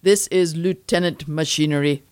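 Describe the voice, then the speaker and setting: An actor playing a male robot lieutenant who talks in a precise, mechanical monotone. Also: a little high, moderate pace, smooth, dry recording, natural voice. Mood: flat.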